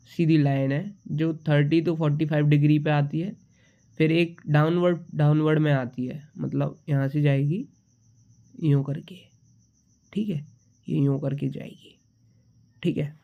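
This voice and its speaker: A man's voice: a little high, fairly even intonation, unhurried, vocal fry, pauses often. Man with a cold teaching shorthand, dull sound. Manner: patient, repeats each symbol while writing. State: has a slight cold. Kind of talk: casual tutorial explanation.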